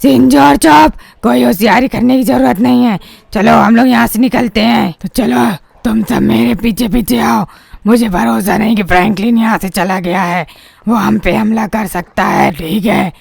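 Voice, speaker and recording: A woman's voice: fairly high pitch, fairly even intonation, normal speed, gravelly, darkish tone, slightly rough, no room sound, heavily acted. A woman voicing an evil, bossy dancing woman boss in a fan dub of a game story, issuing threats. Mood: menacing.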